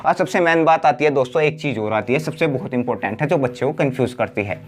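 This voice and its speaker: A man teaching a class chemistry lesson. He asks the class questions and answers them himself, drawing out the key words slowly. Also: medium pitch. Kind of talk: blackboard lesson.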